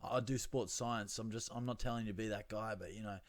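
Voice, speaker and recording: A man's voice: fairly low pitch, fairly even intonation, fast, close to an everyday voice. A man voicing an earnest young gym bro in an American accent, coaching in a bro-ish way in an anecdote. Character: earnest young male gym bro giving form tips.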